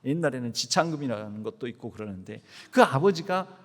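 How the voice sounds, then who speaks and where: A man's voice: medium pitch, expressive, brisk. A male senior pastor with a Jeolla accent, preaching a sermon in an emphatic style and addressing the congregation directly. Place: church sanctuary. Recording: long church hall reverb.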